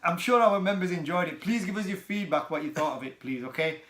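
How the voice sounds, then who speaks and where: A man's voice: high voice, quick pace, a bit bright. Giggly male co-host in an echoey room. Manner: giggly, repeats himself. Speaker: chat show co-host. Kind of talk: casual chat.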